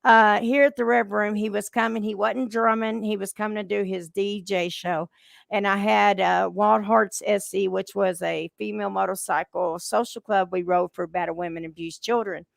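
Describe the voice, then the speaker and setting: A woman's voice: mid-range voice, fairly even intonation, moderate pace, creaky, no echo. A woman hosting a podcast interview, telling salty stories in a brash, casual way. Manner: brash, salty storytelling with laughs. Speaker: podcast host.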